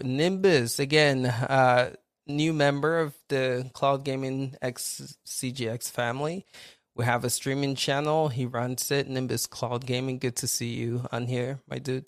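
A man's voice: medium pitch, no room sound, studio quality. A man with a Nigerian accent hosting a casual live-stream chat, upbeat and greeting viewers by name. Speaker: podcast host.

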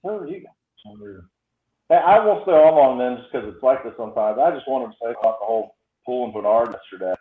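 A man's voice: medium pitch, lively intonation, a little fast. A man calling in to a sports show over a choppy phone line that keeps breaking up, speaking bluntly. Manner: blunt, complaining. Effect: choppy call breaking up. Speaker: caller. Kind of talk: sports call-in chat. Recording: echoey tinny phone line.

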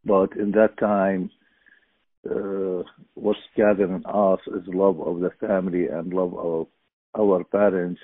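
Low-voiced man on a phone line. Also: husky, no room sound. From Iraq. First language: Arabic. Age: middle-aged. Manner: halting, searching for words, many fillers. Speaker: podcast guest. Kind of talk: casual interview.

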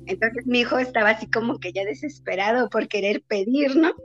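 A woman with a Mexican accent, a single mother speaking as a guest in an interview, telling her stories in a lively, heartfelt way. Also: on the high side, brisk. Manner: warm, lively storytelling with laughter. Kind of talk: emotional storytelling interview. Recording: dull lo-fi audio with music behind.

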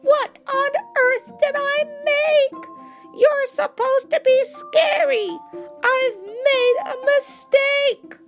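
A woman's voice: very high-pitched, fairly even intonation, drawn-out words, soft background music, voice pushed up, exaggerated voice. A woman voicing a bossy, easily exasperated wicked old witch from a storybook, screechy and imperious. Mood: horrified. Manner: imperious, snapping, dramatic. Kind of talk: storybook character voice.

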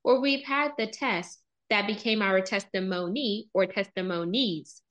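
Bright, upbeat woman host. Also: medium pitch, unhurried. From Texas, US. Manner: energetic, upbeat, playful. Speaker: podcast host. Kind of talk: upbeat interview hosting.

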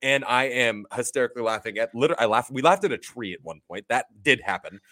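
Fast-talking young man, podcast host. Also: mid-range voice, expressive, a bit bright. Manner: upbeat, rambling, laughs at his own stumbles. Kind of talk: casual podcast chat with ad reads.

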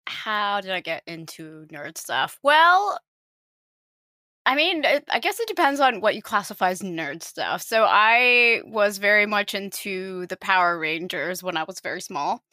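A bright-voiced woman in her late twenties, born in Finland, whose international-school accent sounds nearly American. She talks as an interview guest in a chatty, self-deprecating way. Her voice is close and dry, with no room behind it. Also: mid-range voice, expressive, a little slow, no room sound. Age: 20s. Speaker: podcast co-host, guest. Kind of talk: casual interview chat.

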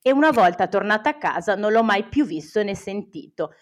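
A woman co-hosting a podcast, telling a personal anecdote in a wry, deadpan way with dry jokes. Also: medium pitch, a little fast. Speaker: podcast co-host. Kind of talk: ironic storytelling of a personal anecdote.

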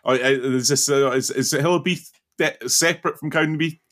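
A man chatting casually about sport as a panellist, in a tentative, halting way. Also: mid-range voice, fairly even intonation, fairly bright tone. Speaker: football podcast panellist. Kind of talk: casual football chat.

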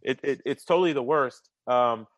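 Talkative and full of energy, this interview guest on a podcast keeps things casual, often doubling a word at the start of a sentence and slipping in slang. He speaks at a moderate pace in a mid-range voice. The recording is close, dry and muffled, with no echo.

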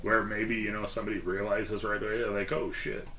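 A man co-hosting a podcast in casual chat, with dark gallows humor, frequent swearing and lots of hesitant fillers. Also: lowish voice, flat delivery, fast, heavy background noise. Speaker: podcast co-host.

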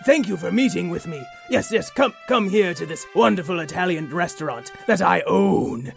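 A proud, pompous lion king of a children's story, as a woman puts him on. He speaks in a low, lively voice, showing off and waving his guest in. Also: normal speed, gravelly, faint music behind. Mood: grand. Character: grand lion king, proud restaurant owner.

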